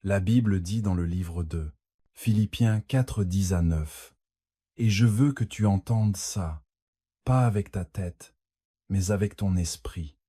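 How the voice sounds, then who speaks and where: A man with a very low, dark voice preaches a fervent sermon, taking his time over every phrase. His tone is husky, and the sound is dry and close, with no room around it. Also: takes it slowly, dry recording. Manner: fervent preaching, addresses the listener directly with exclamations of praise. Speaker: pastor.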